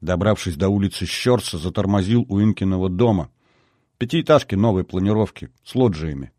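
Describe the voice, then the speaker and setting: Low-voiced male audiobook narrator. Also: fairly quick, dark tone, dry recording, clean studio sound. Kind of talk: first-person novel narration.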